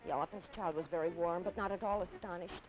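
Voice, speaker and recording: A woman in her thirties telling a children's story on television in an animated, dramatic, rhythmic way, on a dull lo-fi 1950s TV kinescope recording. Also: on the low side, quick pace, soft background music. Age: 30s.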